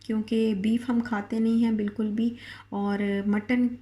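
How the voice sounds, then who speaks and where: Hoarse Pakistani woman, flat mellow voice. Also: on the high side, measured pace. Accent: Pakistani Urdu. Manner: rambling, many fillers and restarts. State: sore throat. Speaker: vlogger. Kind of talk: casual home vlog. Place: home kitchen.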